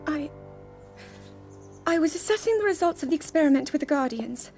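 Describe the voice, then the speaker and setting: A woman's voice: sits high, expressive, a little fast. A young woman acting an earnest, scholarly princess burdened by duty in a video game, speaking formally and breathily. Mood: determined. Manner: formal, earnest, precisely worded. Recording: background music under dialogue.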